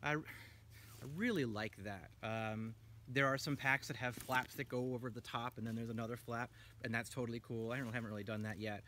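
Filmed by a camera a few feet off, with slight background noise, a gear maker from the United States reviews his own pack in a forest. The man, in his thirties, has a steady, mid-range voice that is brisk, pushed and bright, and he rambles enthusiastically with many ums.

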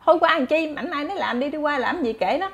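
A woman's voice: high voice, animated, fast, muffled recording, pitched above the performer's own voice. A woman voicing fed-up village farmers who dismiss a lying boy with scolding grumbles. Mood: dismissive.

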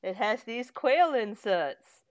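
A woman's voice: on the high side, expressive, takes it slowly, dull audio. A woman co-hosting a casual vlog, rambling through a show-and-tell with lots of fillers. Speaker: vlog co-host. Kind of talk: casual chat.

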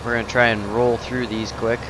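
This gaming channel host speaks at medium pitch in a level tone and a fairly quick pace, chatting loosely as he plays. He's a young man who rambles, talks to himself, is easily startled, and sounds slightly sniffly. It's a let's-play recorded on a headset at his home gaming station, with noticeable background noise.

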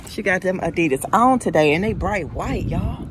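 A woman in her fifties vlogs about shopping, chatting folksily to viewers on a handheld phone camera as she moves through store aisles and sits in her parked car. Her voice is on the low side with lively intonation at a normal speed, and the background is noisy.

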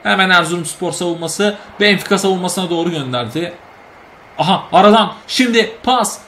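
A man giving lively, chatty commentary over his own football video game play, often shouting at the action and talking to his viewers. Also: sits high, fairly quick, slight background noise. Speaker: gaming YouTuber. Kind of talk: live gameplay commentary.

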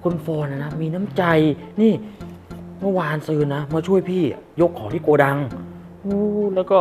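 A man's voice: high voice, normal speed, music in the background, lightly acted. An actor playing a chatty middle-aged warehouse worker who gossips about his bosses.

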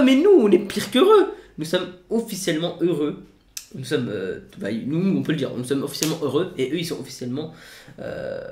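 A man hosting a casual gaming news vlog, excitable and repeating words over and over. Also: medium pitch. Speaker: gaming YouTuber. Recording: roomy echo.

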